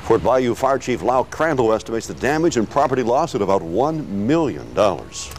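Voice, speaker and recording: A man's voice: medium pitch, very animated, moderate pace, darkish tone, slight background noise. A man reading scripted television news as an anchor.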